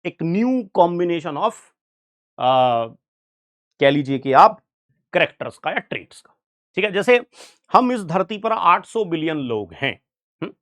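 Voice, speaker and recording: A man's voice: on the high side, very animated, takes it slowly, pauses often, a bit bright. A young man teaching biology in an online exam-prep lecture, chatty, keeps checking in with students. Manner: chatty, keeps asking "right, sir?" to students.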